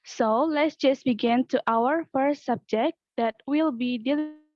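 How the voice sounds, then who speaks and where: A young woman presents in careful, formal, slightly halting English. Her voice comes through a bad video-call connection, muffled and lo-fi, fading and breaking up in places. It sits a little high and is heard dry and close. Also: darkish tone, dry recording. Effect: choppy video-call audio from a bad connection. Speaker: student presenter. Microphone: laptop or phone on a video call. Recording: dull, lo-fi, dropping call audio.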